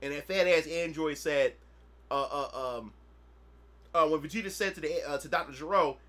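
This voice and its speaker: A gaming streamer in his thirties chats casually with his livestream audience at a moderate pace, rambling and circling back over the same points. His voice is high for a man with a bright, sharp edge, and he often asks "you know what I'm saying."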